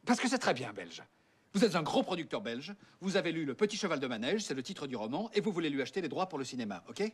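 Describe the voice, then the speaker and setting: A man's voice: a little high, big pitch swings, fast, slightly rough. An actor playing an impatient, condescending man who explains things in a patronizing, exasperated way.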